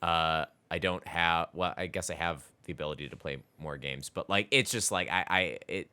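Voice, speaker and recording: On a podcast, a male co-host chats casually about video games, rambling loosely and repeating words as he goes. His voice sits low and moves at normal speed, with a pushed, bright quality and a clean tone.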